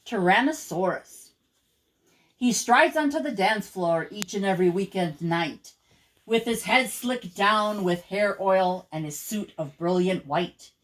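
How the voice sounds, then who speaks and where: A grandmother reads children's rhyming poems aloud, expressive, rhythmic and theatrical. Her voice sits at medium pitch and she is unhurried, though the recording quality is low.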